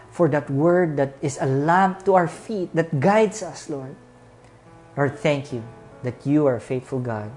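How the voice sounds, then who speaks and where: A Filipino woman preaches into a pulpit microphone with a very low, mellow voice. She speaks earnestly, building emphasis through repeated phrases as she moves from sermon into prayer.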